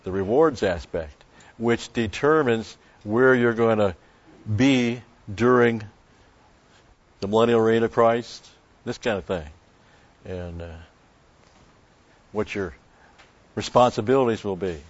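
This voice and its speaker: A man preaching a sermon in a measured way, with emphatic stresses. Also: fairly low pitch, lo-fi sound. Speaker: pastor.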